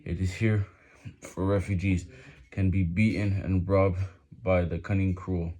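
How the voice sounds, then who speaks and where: A man reading a written text aloud haltingly and with effort while doing push-ups, with some background noise. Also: deep voice, little pitch movement, dark tone. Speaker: reader.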